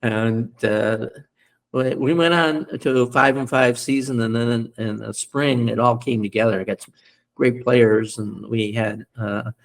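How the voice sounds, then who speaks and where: A man's voice: mid-range voice, steady tone, measured pace, creaky. An older American man in his seventies recounting stories in a casual interview, rambling with many fillers and restarts, and chuckling as he recalls things. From United States. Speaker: podcast guest, former rugby player and coach.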